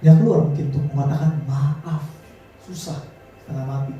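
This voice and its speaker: A man's voice: a little high, fairly even intonation, normal speed, warm tone, highs cut off. A male pastor preaching a sermon in casual slang, building to fervent appeals. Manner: colloquial Jakarta-style slang, rising to fervent exhortation. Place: large church hall. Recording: echoey hall from far off, music behind.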